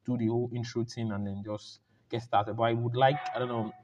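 Male book club host, rambling and loose, average pitch, dull lo-fi call audio. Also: level tone, a little fast, noisy background. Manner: rambling, many restarts and fillers. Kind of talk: casual voice chat hosting. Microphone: home mic on voice call. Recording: lo-fi voice chat audio.

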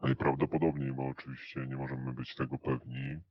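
A man being interviewed, speaking through a voice changer that pitches his voice down to disguise it, and pausing often on hesitant fillers. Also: level tone, husky, no room sound. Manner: hesitant, with many drawn-out "e" fillers. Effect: voice pitched down electronically to disguise it. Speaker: interview guest. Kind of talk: recorded interview answers. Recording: dull, muffled lo-fi audio.

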